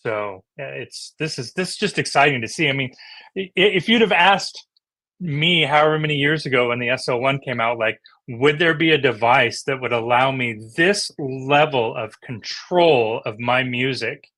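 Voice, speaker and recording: A middle-aged man hosting a casual DJ livestream, enthusiastic and halting, with lots of restarts. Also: mid-range voice, sharp tone, no echo. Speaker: host of a DJ livestream.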